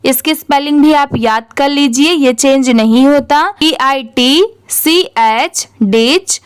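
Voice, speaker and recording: A woman teaches English reading in a high voice, spelling each word out letter by letter before she blends it. She speaks slowly and patiently, and the recording is dry with no room echo. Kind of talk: slow spelled-out reading lesson.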